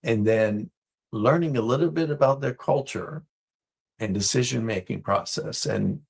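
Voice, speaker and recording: A man from Israel, a business guest answering interview questions in a thoughtful, measured way with many fillers. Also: mid-range voice, creaky, husky.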